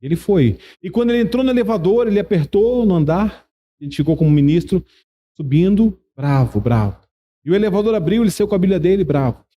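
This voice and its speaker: A man's voice: high voice, animated, brisk, mellow. A man preaching a sermon, emphatic and repetitive, asking the congregation rhetorical questions. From Brazil. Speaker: pastor.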